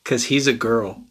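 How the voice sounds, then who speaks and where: A player joking casually through a card game, making quick asides and laughing often. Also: medium pitch, fairly bright tone, a little hiss or hum.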